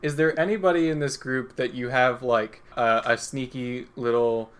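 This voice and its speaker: A man running a tabletop role-play as game master, with a voice of middling pitch. He narrates loosely, full of fillers, pausing to laugh as he goes. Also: fairly even intonation, a bit bright, a little hiss or hum. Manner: rambling, filler-heavy, laughs often.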